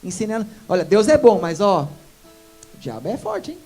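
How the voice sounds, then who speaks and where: A woman pastor from Brazil with a Brazilian Portuguese accent, preaching in church and rising into loud, fervent prayer. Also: medium pitch, sing-song, moderate pace, breathy edge, soft background music. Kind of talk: sermon with shouted prayer.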